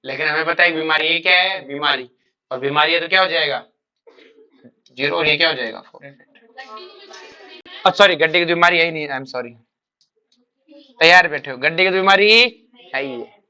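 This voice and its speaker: A man teaching a chemistry lesson in a high, bright voice. He keeps prodding the class with repeated questions and draws out the words of his memory trick slowly. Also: clear, resonant tone, lo-fi sound. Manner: coaxing, repeats questions to students, calls them "beta". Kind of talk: classroom lecture.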